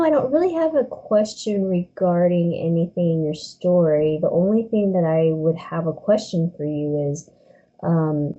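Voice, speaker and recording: A woman interviewer with a very dark, mellow, lowish voice, asking questions in a casual, hesitant way as she searches for words. The sound is dull and lo-fi, as if coming over a video call.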